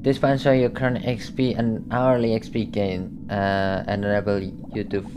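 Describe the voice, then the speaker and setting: A man's voice: lowish voice, little pitch movement, moderate pace, music in the background, pitched below the performer's own voice, natural voice. A man reading out a posh male seagull who guides players through setting up an aquarium in a game, with a chatty manner. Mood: cheery. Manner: posh, chatty tutorial narration. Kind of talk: reading game dialogue aloud.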